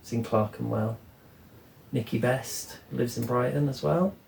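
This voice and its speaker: A middle-aged man from England talking casually as an interview guest, rambling and relaxed, often ending with "isn't it". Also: medium pitch, a little slow, vocal fry. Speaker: guest artist. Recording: echoey room with faint ambient noise.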